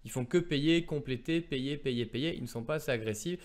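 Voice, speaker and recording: A man explaining poker concepts in a casual two-person lesson, animated and fond of everyday comparisons. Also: medium pitch, normal speed. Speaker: poker coach.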